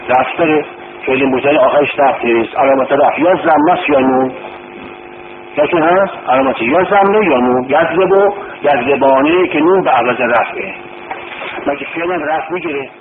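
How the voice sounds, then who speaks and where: A man tutoring Arabic grammar informally, patiently repeating terms and quizzing his student. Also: on the high side. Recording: tinny phone-like recording with background noise.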